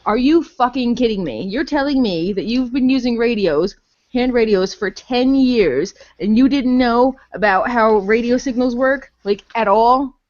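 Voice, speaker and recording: A woman reviews games on her podcast in an unhurried, rambling, unscripted chat, blunt and occasionally profane, saying "like" constantly. Her voice is on the high side with a darkish tone, and the audio sounds dull.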